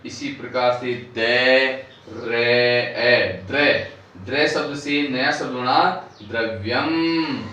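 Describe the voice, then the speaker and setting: A man teaching a class, sounding out syllables slowly one by one and explaining the words they build. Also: medium pitch, pushed and bright, a little hiss or hum. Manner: slow, drawn-out syllable-by-syllable pronunciation. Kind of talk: classroom lesson. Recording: echoey room, voice far from mic.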